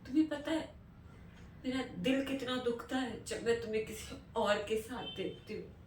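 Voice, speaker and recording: A woman auditioning as a heartbroken, rejected young woman, speaking in a pleading, halting, emotional way. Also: fairly high pitch, slight background noise, lightly acted. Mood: bitter. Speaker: actor auditioning. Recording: roomy, far from mic, faint ambience.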